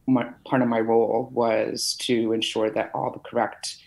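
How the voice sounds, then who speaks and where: Speaking in a creaky bass voice with a darkish tone, this middle-aged Massachusetts woman recounts her career as a guest on a podcast. She talks at a normal speed in a level tone, chatty and heavy on fillers. The recording quality is low.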